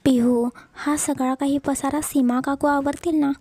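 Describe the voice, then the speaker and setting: A woman's voice: high voice, steady tone, unhurried, mellow, no echo. Woman reading as a teasing young husband. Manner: playful, doting.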